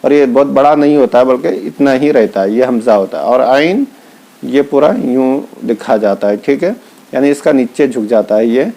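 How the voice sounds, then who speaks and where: A man teaching Quran letter reading. He calls out each Arabic letter slowly and then explains patiently, with speech. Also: mid-range voice, lively intonation, gravelly, warm tone. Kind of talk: slow step-by-step lesson.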